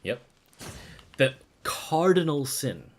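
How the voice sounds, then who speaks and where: A man streaming in a casual, opinionated, sweary style with animated delivery. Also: medium pitch, slow, a little hiss or hum. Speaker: streamer reviewing game voice dubs.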